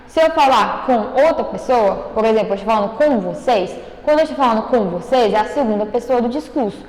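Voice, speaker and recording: A woman's voice: a little high, lively intonation, brisk, a little mellow. A woman teaching a writing lesson to schoolchildren, patiently checking that they follow with frequent "ok?" and "né?". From Brazil. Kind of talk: recorded online class. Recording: echoey room, long reverb.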